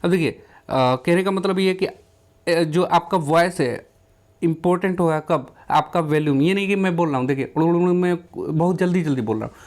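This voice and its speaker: A man walks a class through multiple-choice exam questions one by one. His voice sits somewhat high for a man. He reads each English question out slowly and carefully before explaining it patiently in plain Hindi. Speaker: teacher. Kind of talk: exam question walkthrough lesson.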